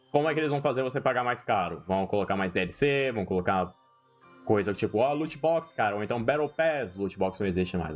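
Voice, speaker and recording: With a mid-range voice and a Brazilian Portuguese accent, a young man streams games, delivering meandering commentary laced with profanity and slang.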